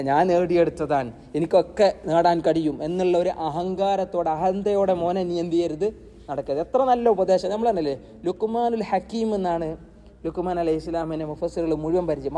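A man with a high-pitched, mellow voice teaches a Quran lesson, asking rhetorical questions and then answering them himself. He recites Arabic verses slowly.

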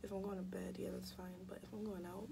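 A young woman chatting casually in a vlog, often dropping into soft whispers, in a small dorm room. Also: fairly low pitch, level tone, fast talker, creaky, background noise. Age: young adult. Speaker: vlogger.

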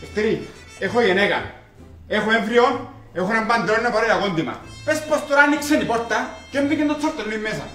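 A man's voice: high-pitched, animated, sharp tone, soft background music. An actor with a Cypriot accent playing a cheeky man who mocks and teases. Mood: mocking. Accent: Cypriot Greek. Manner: mocking, teasing. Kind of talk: sitcom acting. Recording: echoey set from a distance.

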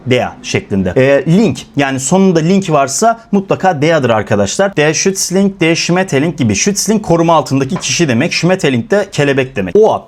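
A young man teaching German grammar, listing examples one by one with many filler sounds. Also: a little high. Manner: lively, repeats examples, fillers "e". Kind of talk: explaining grammar lesson in Turkish.

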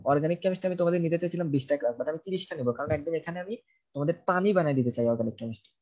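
A man's voice: fairly high pitch, very fast, a little mellow. A man teaching an online chemistry class, asking questions and repeating the key answers to his students. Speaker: chemistry tutor.

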